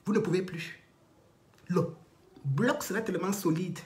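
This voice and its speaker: A woman, ranting defiantly on a live stream, repeating herself and swinging from loud declarations to low muttered threats. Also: measured pace. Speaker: online commentator. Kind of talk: impassioned live-stream rant.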